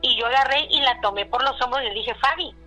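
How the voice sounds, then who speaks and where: A woman's voice: on the high side, fast talker, sharp tone, soft background music, poor audio. A woman recounting a personal family story in casual speech, rambling, with many restarts and fillers, retelling what people said. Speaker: caller telling a personal story.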